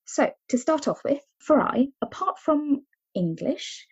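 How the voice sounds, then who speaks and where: A woman from India whose first language is Tamil co-hosts a casual conversational podcast, her high-pitched voice sing-song, unhurried and a little mellow. Curious, she asks many questions and often murmurs agreement; the audio sounds dull.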